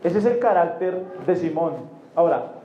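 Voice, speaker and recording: A man's voice: on the high side, moderate pace, warm tone, roomy sound, muffled recording, slight background noise. A man preaching a sermon in a church, explaining Bible passages and often checking that the congregation understands.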